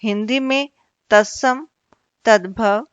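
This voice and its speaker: Slow, deliberate woman teaching Hindi grammar. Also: fairly high pitch, dry recording, dull audio. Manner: slow and deliberate, repeating each word and asking questions. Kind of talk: slow online grammar lesson.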